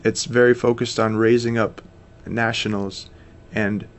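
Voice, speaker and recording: Speaking unhurriedly in a fairly low, level voice, this man from the United States is a missionary guest in a relaxed interview. He is in his thirties and talks earnestly and steadily, using lots of filler words.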